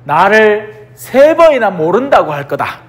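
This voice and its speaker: A man voicing a grave, gentle teacher who speaks slowly. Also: sits high, sing-song, in a large hall. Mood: solemn. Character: calm grave male teacher foretelling betrayal.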